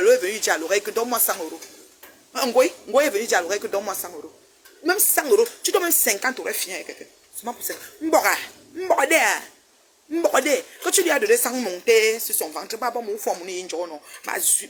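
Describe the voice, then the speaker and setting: A woman's voice: mid-range voice, fast, crowd noise. A woman in her fifties giving a casual, scolding rant, often repeating herself. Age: 50s. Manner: animated, repetitive, scolding. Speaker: online commentator. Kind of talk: casual ranting commentary.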